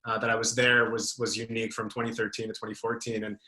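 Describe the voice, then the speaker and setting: A man's voice: lowish voice, monotone, quick pace, bright, forceful tone, poor audio. A young man from the United States sharing a personal account in a casual, hesitant way. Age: young adult. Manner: hesitant, many fillers and restarts. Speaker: guest speaker.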